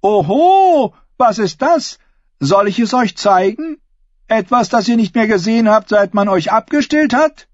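A man's voice: high-pitched, lively intonation, unhurried, dry recording, lo-fi sound, voice pushed up. A man voicing a bold, mocking young woman who teases a crowd of sea captains in an audiobook. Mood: defiant. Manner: teasing, cocky, commanding.

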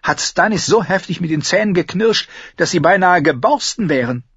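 A haughty noble queen from a fantasy audiobook speaks in a lifted, swooping voice, voiced by a male narrator. Her commanding, scornful tone carries a slightly husky grain. The recording is dull and dry. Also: sits high, animated, moderate pace, fairly bright tone, no room sound, pitched above the performer's own voice, heavily acted. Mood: musing. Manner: commanding, scornful, breathless when thrilled. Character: proud, sharp-tongued noble queen, grown woman.

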